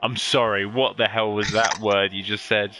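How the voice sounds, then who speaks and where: A man commentating an online racing league, joking with his co-commentator and getting excited at overtakes. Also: on the low side, moderate pace, noisy background. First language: English. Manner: lively, playful banter, excited at overtakes. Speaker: race commentator.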